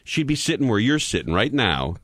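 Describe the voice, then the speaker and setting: A man's voice: mid-range voice, sing-song, a little fast, a bit bright, no room sound, clean studio sound. A man hosting a radio talk show, trading jokes and telling rambling stories. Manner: joking, rambling storyteller. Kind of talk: casual radio banter. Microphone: studio microphone.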